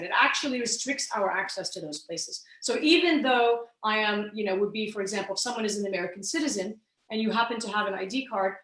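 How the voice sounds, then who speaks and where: A woman teaches a live online cooking class from her home kitchen and shares her story along the way. Her mid-pitched voice rings around the echoey room. She explains carefully and often restarts her thoughts with ums. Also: a bit bright. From born in Kuwait, raised in Saudi Arabia. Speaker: cooking instructor.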